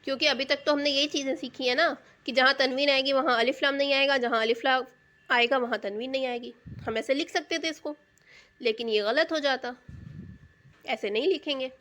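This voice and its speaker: Female grammar teacher, higher register, patient and repetitive, checks in with rhetorical questions. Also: fairly even intonation, bright, forceful tone. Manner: patient, repeats key terms and asks rhetorical check questions. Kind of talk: explanatory lesson in Urdu.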